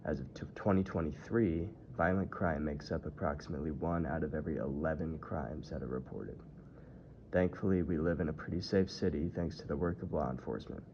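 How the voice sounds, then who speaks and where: A man giving a scripted true-crime narration as a tour narrator, in a measured, formal storytelling delivery. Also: extremely low pitch, a little mellow. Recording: muffled audio with clear background noise.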